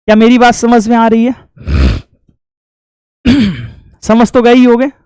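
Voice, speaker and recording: High-voiced man teaching physics. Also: steady tone, slow, darkish tone, smooth, dry recording. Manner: repeats each point as a question and then answers it; homely, folksy explanations with sound effects. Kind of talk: classroom lecture.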